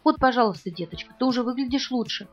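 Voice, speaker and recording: A woman's voice: on the high side, quick pace, pitched above the performer's own voice, natural voice. A woman reading an audiobook, voicing a fussing, motherly older school nurse. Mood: fussy. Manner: fussy, motherly. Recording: distant, muffled, soft music.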